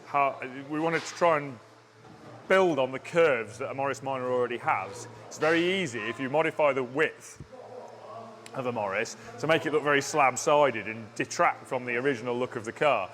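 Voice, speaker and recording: A man with a medium-pitched, fairly bright voice gives a casual walkaround update on a car build in a workshop. He talks in plain technical terms but haltingly, restarting his sentences often.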